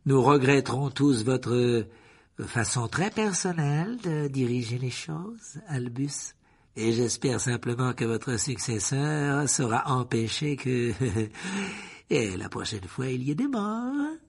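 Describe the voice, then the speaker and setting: Male reader doing a smug aristocratic villain, soft silky drawl, slow and a bit husky. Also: medium pitch, very animated, full character voice. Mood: menacing. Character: cold, sly aristocratic man, smug and menacing.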